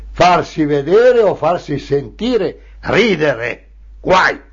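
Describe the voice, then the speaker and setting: Older man, slow wry storyteller. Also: on the high side, darkish tone. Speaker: storyteller recalling his childhood. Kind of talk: slow spoken memoir narration. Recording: dull lo-fi recording.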